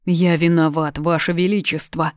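A woman's voice: low-pitched, flat delivery, normal speed, no room sound, studio quality, close to an everyday voice. A woman voicing a loyal, firm royal secretary who answers the king deferentially. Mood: dutiful.

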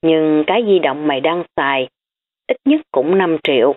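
Woman reading a blunt, teasing schoolgirl; low voice, phone-like sound. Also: lively intonation, moderate pace. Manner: frank and teasing. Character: blunt, teasing, hungry female student. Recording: tinny phone-like audio.

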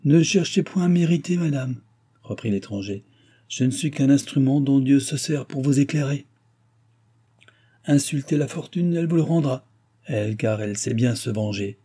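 A man voicing a mysterious sorcerer, firm, solemn and quietly threatening, in an audiobook reading. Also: mid-range voice, normal speed, breathy edge, voice pushed up, close to an everyday voice. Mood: solemn warning. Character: mysterious male sorcerer, grave and menacing.

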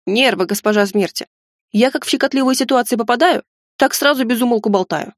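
A woman's voice: fairly high pitch, fairly quick, no echo, studio quality, close to an everyday voice. A woman reading an audiobook, voicing a chatty, nervous male goblin servant who is undead and talks in a rambling, folksy way.

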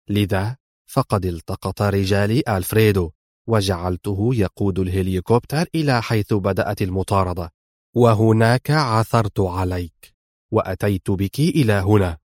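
Picture a swaggering, mocking crime boss in an audiobook, smug and taunting, his voice pitched low, as a male narrator reads him. The speech is dry and close to the mic. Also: darkish tone, no room sound, close to an everyday voice.

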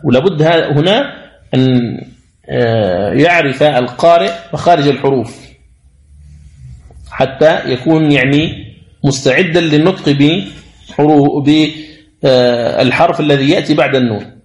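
Male tajwid teacher, fairly high voice, deliberate and patient, echoey room. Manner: slow, deliberate explanation with drawn-out recited examples. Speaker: Quran recitation teacher. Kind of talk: tajwid lesson commentary.

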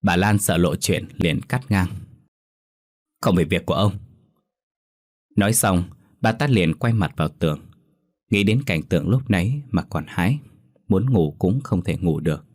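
Deep-voiced man narrating a ghost story. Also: expressive, a little mellow. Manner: measured, dramatic storytelling.

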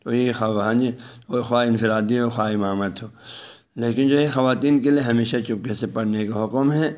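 Man, religious lecturer, mid-pitched voice, phrase-by-phrase explanation, conversational teaching. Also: steady tone, darkish tone. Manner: speaks directly to listeners, telling them to pass the ruling on at home. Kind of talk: religious lesson, reading and explaining a text.

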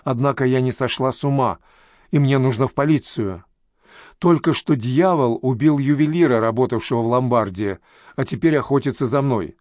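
A male narrator voicing a frightened young woman fleeing danger, speaking in a hushed, tense, pleading way. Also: mid-range voice, normal speed, no echo, studio quality, close to an everyday voice.

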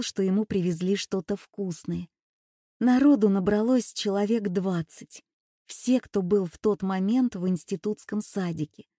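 A woman narrates a first-person story in a quiet, confessional way. Her tone is mellow and warm, recorded dry and close with no room sound. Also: mid-range voice, dry recording.

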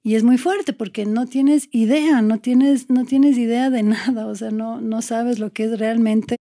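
A woman's voice: a little high, fairly even intonation, a little slow, dark tone. A woman in her forties, an actress speaking as a podcast guest, earnest and reflective as she talks in long, searching sentences. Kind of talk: candid conversational interview.

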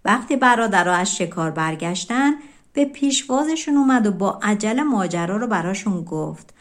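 A woman narrates a folk tale for an audiobook in a calm, easygoing storytelling voice. She reads in a relaxed, conversational way rather than a formal one, and her pitch sits in the middle of the female range.

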